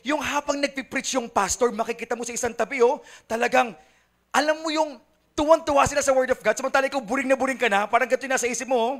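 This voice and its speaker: A man's voice: extremely high pitch, fairly even intonation, fast talker, fairly bright tone. A young adult Filipino man preaching a sermon with humor, mixing Tagalog and English and acting out churchgoers. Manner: switches between Tagalog and English. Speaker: pastor.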